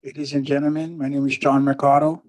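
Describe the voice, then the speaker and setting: A man from Hawaii, testifying plainly and haltingly against a proposal at a public hearing. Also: on the high side, level tone, a little mellow. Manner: plain-spoken, halting, opposed.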